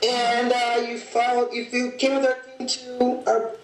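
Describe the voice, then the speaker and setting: A woman's voice: fairly high pitch, monotone, a little slow. A woman in her late thirties from Michigan, heard over a speakerphone as a guest in a casual chat, restarting her sentences as she goes. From Michigan, USA. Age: 30s. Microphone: speakerphone on a video call. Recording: echoey speakerphone with faint noise.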